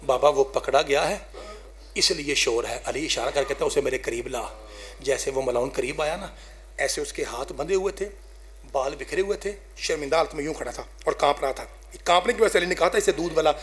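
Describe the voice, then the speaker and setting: A man, a zakir giving an emotional mourning recitation, rising to loud high cries and sinking to hushed near-whispers while urging the audience on. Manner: addresses the audience directly, urging them to weep.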